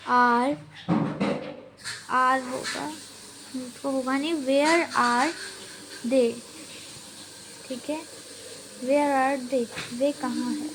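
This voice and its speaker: A woman teaches everyday English phrases, drilling each one carefully. Her voice sits high. She speaks unhurriedly, pausing over each example. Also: noisy background. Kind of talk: spoken English lesson.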